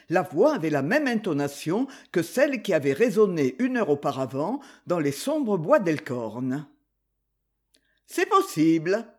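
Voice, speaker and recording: A man narrating an audiobook in a fairly high, slightly husky voice. His reading is measured and expressive, with a lot of movement in the pitch. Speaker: audiobook reader.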